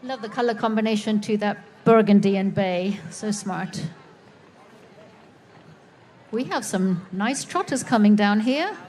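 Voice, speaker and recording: A woman's voice: medium pitch, moderate pace, darkish tone, slight background noise. A woman co-announcing a live parade, addressing the crowd in an appreciative way. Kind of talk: live event commentary.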